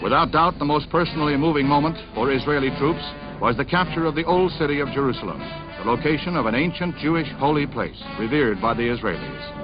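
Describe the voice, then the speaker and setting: A man narrates an old newsreel in a brisk, dramatic announcer's delivery. His voice sits a little high for a man and comes through muffled and lo-fi. Loud music plays underneath him the whole time. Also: animated. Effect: old newsreel recording. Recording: dull lo-fi newsreel sound with music behind.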